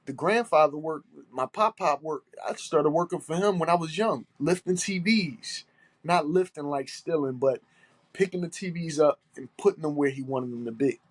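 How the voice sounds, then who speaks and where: This podcast host, a man with a fairly high voice and a stuffy nose, talks at normal speed on a solo show with no room sound. He sounds aggrieved and emphatic, repeating his points and swearing.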